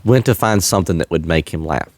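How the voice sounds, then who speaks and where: A man's voice: low-pitched, fast talker, darkish tone, no room sound. A man hosting a faith-based podcast, talking in an earnest, slightly preachy way and chuckling often. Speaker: podcast host. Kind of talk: faith-based casual chat.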